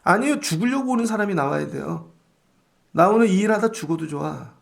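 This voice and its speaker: A middle-aged male pastor preaching a dawn sermon in a lively, colloquial way, acting out quotes of people as he goes. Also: sits high, fairly quick, gravelly.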